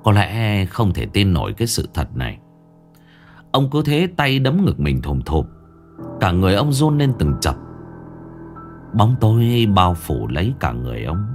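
Deep-voiced man telling a ghost story. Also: unhurried, long pauses, soft background music. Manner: grave, expressive storytelling. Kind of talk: dramatic ghost story narration.

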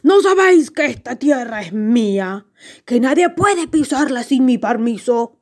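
A woman's voice: animated, unhurried, darkish tone. A woman doing a thundering menacing giant. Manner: booming, menacing. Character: huge thundering male giant.

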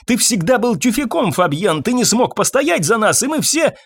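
Мужчина-чтец изображает озлобленную, язвительную женщину средних лет, официантку, которая кричит и пилит мужа. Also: male voice, very animated, unhurried, no echo, studio quality, exaggerated voice. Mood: furious. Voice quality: high, sharp and shouting. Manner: scornful, nagging outbursts. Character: shrill, bitter, scolding middle-aged woman waitress.

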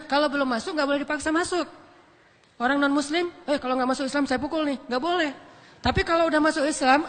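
A man preaches in a chatty, joking way, tossing out rhetorical questions. His voice sits high for a man. A long hall echo hangs on every phrase. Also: a bit bright. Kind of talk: casual storytelling sermon. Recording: echoey hall.

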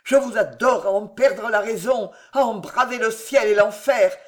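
A man reading aloud and voicing a passionate, desperate young nobleman with intense, forceful declamation. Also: high-pitched, lively intonation, measured pace.

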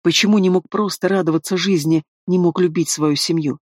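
A man narrates a fantasy novel in the first person, with steady, even delivery. His voice is fairly high for a man. It is recorded close and dry, with no room echo. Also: brisk. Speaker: audiobook narrator.

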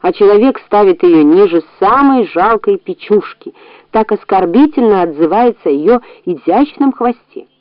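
Woman narrator for a storybook, expressive, dry muffled audiobook sound. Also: medium pitch, normal speed, no echo.

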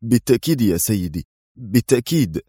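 A man doing a spiteful, edgy general in an audiobook, his voice pushed up higher and tighter than the narration. He sounds resentful and nervous, in a dry recording. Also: big pitch swings, quick pace, dark tone, breathy edge, dry recording. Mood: irritable, resentful. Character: irritable, spiteful male general.

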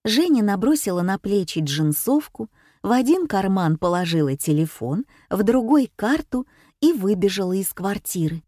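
Brief: woman, mid pitch, dry close audiobook narration. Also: sing-song, normal speed, mellow, dry recording. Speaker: audiobook reader. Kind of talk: storybook narration.

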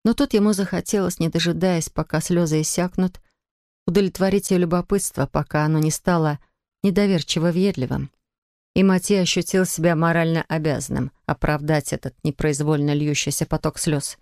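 Low-voiced woman narrating a novel. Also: no echo, studio quality. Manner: even, measured storytelling. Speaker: audiobook narrator. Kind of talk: scripted literary narration.

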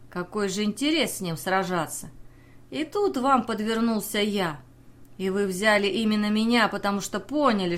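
A desperate young sailor pleads and accuses in an intense, pressing voice, as a woman reads him in an audiobook. The delivery sits at a medium pitch, urgent and searching. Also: natural voice. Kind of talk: audiobook character reading.

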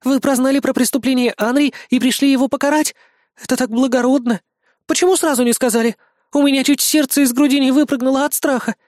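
A reader voicing a frightened young woman who pleads in a high, tearful voice in an audiobook. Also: animated, takes it slowly, breathy edge, dry recording, studio quality, heavily acted. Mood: admiring.

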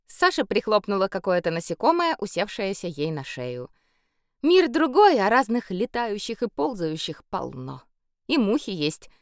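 A woman reading a children's story aloud with playful, expressive narration. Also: mid-range voice, normal speed, no room sound, studio quality. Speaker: audiobook reader.

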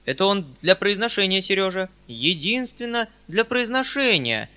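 A man voicing a flustered, kindly old country landowner who talks in a hurried, fussy, pleading way. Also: a little high, very animated, a bit bright. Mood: defensive.

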